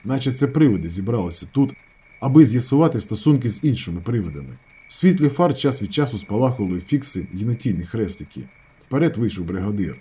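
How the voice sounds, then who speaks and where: Husky-voiced male audiobook narrator. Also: fairly low pitch, fast talker. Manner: expressive, dramatic storytelling. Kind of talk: audiobook reading of a novel.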